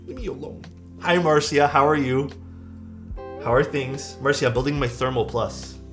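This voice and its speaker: A man's voice: medium pitch, normal speed, a bit bright, faint music behind. A man in his thirties chatting casually on a livestream, venting and rambling with many fillers and some swearing. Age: 30s. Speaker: keyboard-building streamer. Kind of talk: casual livestream chat reading viewer comments.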